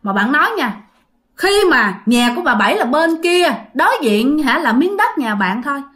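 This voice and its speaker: Brief: high-voiced Southern Vietnamese woman, lively chatty ghost-story teller who talks right to the listeners. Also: moderate pace. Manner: chatty, repeats phrases, keeps addressing listeners. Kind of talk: casual ghost story narration.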